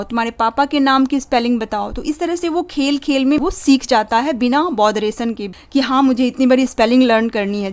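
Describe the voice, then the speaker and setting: A young woman, a parenting channel host, explaining to parents how to teach spelling, slowly sounding out words letter by letter and mixing English words into Hindi. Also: high voice, a little mellow. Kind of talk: instructional talk for parents.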